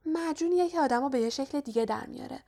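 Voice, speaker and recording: In an audiobook, a woman reader voices a clever, cautious young schoolgirl witch. The character speaks in a high, hushed, knowing voice, careful yet quick.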